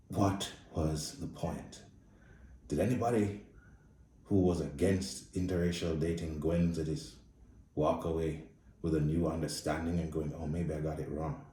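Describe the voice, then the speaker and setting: With a Jamaican accent and a rumbling low, warm voice, a man gives a casual, opinionated movie review, blunt and profane, speaking straight with no filter. The audio is reverberant and recorded from a distance.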